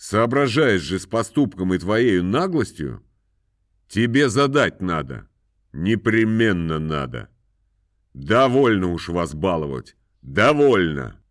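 A man's voice: low voice, big pitch swings, slow pace, no echo, clean studio sound, exaggerated voice. A man voicing a pompous country landowner who scolds and moralizes at length. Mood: moralizing. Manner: moralizing, scolding, sing-song.

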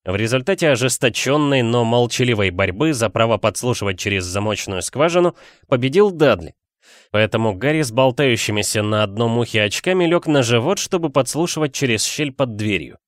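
A man's voice: mid-range voice, expressive, brisk, no echo. Man narrating a storybook, dry sound. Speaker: audiobook narrator. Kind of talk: scripted narration.

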